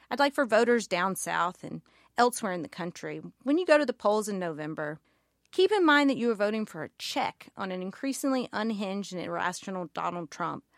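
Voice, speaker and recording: A woman's voice: lowish voice, gravelly, dry recording, studio quality. A woman with a Southern American accent gives a wry, pointed political commentary as podcast host.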